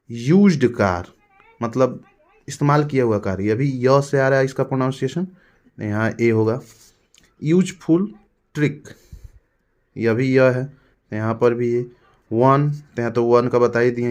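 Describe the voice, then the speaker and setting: Hindi-accented male grammar teacher. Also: mid-range voice. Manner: explains step by step, repeating words slowly. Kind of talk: classroom lesson.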